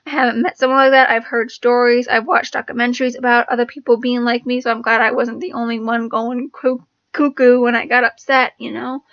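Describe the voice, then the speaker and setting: Young woman vlogger, fairly high but flat delivery, rambling with restarts; dry, slightly dull recording. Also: a little fast, dry recording. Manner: rambling, with many restarts and fillers. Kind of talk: casual personal talk to camera.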